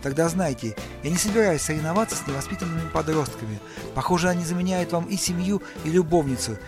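A man's voice: medium pitch, animated, fast talker, over music, lightly acted. A man voicing a haughty young woman who speaks with clipped indignation. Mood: indignant.

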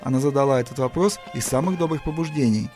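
A man's voice: medium pitch, fast talker, darkish tone, faint music behind. A man narrating a story in an audiobook.

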